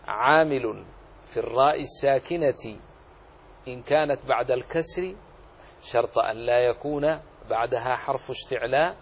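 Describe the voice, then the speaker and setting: A man's voice: medium pitch, a little hiss or hum. A man giving a religious lesson, explaining recitation rules step by step, quoting verses and rephrasing them, and asking questions that he answers himself. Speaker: religious teacher.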